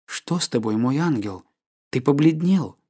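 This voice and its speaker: A man's voice: medium pitch, animated, a little slow, warm tone, husky. A man reading an audiobook, voicing an anxious, tender young woman with a raised voice. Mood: alarmed. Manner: pleading, tender, alarmed. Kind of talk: audiobook character voice.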